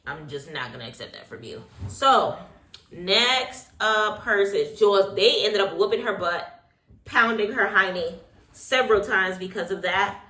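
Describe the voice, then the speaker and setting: A woman's voice: medium pitch, expressive, unhurried, bright, forceful tone, reverberant. A woman hosting a casual reality TV recap while getting ready, talking in a sassy, opinionated way full of slang and asides. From Haitian heritage.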